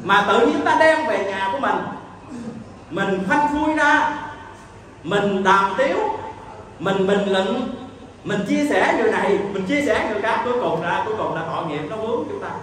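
High-voiced preacher in an echoey hall. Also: male voice, lively intonation, moderate pace, a bit bright, slight background noise. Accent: Southern Vietnamese. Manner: storytelling with acted-out dialogue, emphatic. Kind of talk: sermon. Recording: echoey hall, distant mic.

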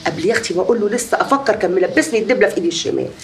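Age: adult. Sex: woman. Figure: a woman playing a boastful, much-married gossip. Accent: Egyptian. Pace: fast. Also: mid-range voice, a little hiss or hum, lightly acted. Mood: boasting. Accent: Egyptian Arabic. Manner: chatty, exaggerating storyteller.

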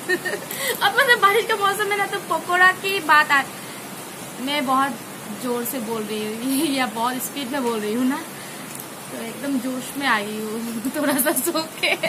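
A mother vlogs at home in a casual chat, laughing often and using many fillers, while rain falls outside. Her voice sits high, and the background is noisy.

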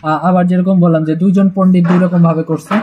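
A man's voice: high-pitched, level tone, fast, phone-quality sound, background noise. A man teaching a casual math lesson, chatty and joking, with frequent "uh" fillers. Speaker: math tutor.

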